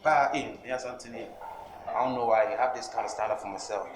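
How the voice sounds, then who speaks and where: Speaking quickly at medium pitch, a rapper in his twenties with a Ghanaian English accent gives earnest interview answers, often starting his phrases over. Background noise and echo fill the room.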